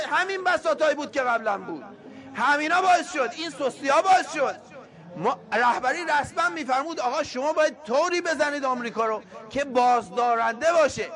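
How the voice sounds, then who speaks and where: A man preaching an impassioned political sermon, fiery and scolding, rising at times to shouts. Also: very high-pitched.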